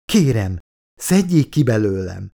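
A man voicing a frightened, desperate woman scientist in an audiobook, speaking in a pleading voice that rises to shouts. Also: fairly low pitch, very animated, gravelly, exaggerated voice.

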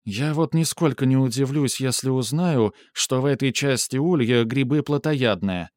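A man reading an audiobook, voicing a wary, prickly young woman raider in a raised pitch. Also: moderate pace, darkish tone, no echo, clean studio sound, lightly acted.

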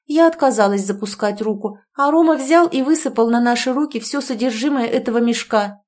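A woman's voice: on the high side, fairly quick, darkish tone, pitched above the performer's own voice, lightly acted. Woman doing a grumbling young girlfriend. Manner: grumbling, curt. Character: grumpy young woman friend, newly pregnant.

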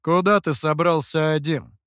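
Casting: stern, menacing dark master, voiced by a man, somewhat high voice, dry close sound. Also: steady tone, moderate pace, clear, resonant tone, no room sound, lightly acted. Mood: firm. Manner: stern, threatening.

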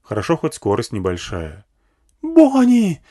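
A man's voice: lowish voice, lively intonation, normal speed, darkish tone. A man narrating a first-person post-apocalyptic audiobook in a dry, matter-of-fact way. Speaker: audiobook reader.

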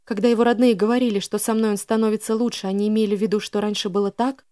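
A woman's voice: mid-range voice, level tone, racing, dark tone, dry recording, clean studio sound. A woman narrating a first-person audiobook in an emotional, dramatic reading.

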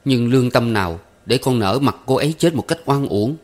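A man's voice: medium pitch, expressive, fairly quick, voice pushed up, natural voice. A man voicing an anxious young man who humbly pleads with his elders. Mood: pleading.

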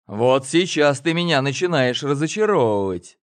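A man voicing a shrewd, calm elder male telepath in an audiobook. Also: medium pitch, moderate pace, lightly acted. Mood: measured, commanding. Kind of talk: audiobook character voice.

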